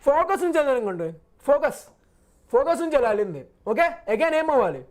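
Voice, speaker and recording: A man's voice: extremely high pitch, sing-song, fast talker. A male physics teacher in a live online class who reassures his students, repeats every point and asks and answers his own questions.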